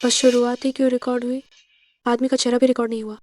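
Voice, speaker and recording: A woman's voice: fairly high pitch, flat delivery, fast talker, darkish tone, a little hiss or hum, natural voice. An actress dubbing a spoiled, jealous rich young woman with a haughty, whining manner. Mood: scheming. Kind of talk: dubbed drama dialogue.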